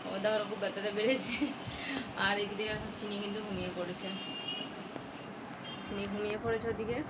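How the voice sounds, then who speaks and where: A woman's voice: mid-range voice, fairly even intonation, a little fast, very noisy. A woman talking casually to her viewers as she cooks in her home kitchen, chatty and direct. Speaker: home vlogger.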